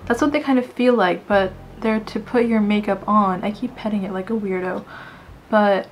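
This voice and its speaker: A woman's voice: medium pitch, moderate pace, a little hiss or hum. A woman beauty vlogger giving a casual, jokey product review to camera, chatting and giggling.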